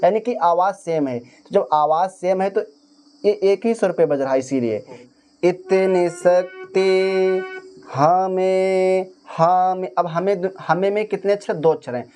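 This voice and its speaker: A man with a high voice gives a casual harmonium lesson. He explains step by step and sings short phrases to show each note. Faint harmonium music plays behind him. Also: moderate pace, warm tone. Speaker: harmonium teacher. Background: harmonium playing.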